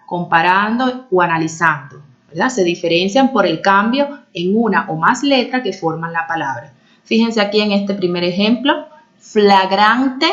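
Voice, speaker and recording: A woman teacher walks through a recorded lesson in an explanatory tone. She often pauses to check that her students follow and slows down on key words. The audio is a little dull and lo-fi. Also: medium pitch. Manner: stretches out key words when stressing them. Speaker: primary school teacher.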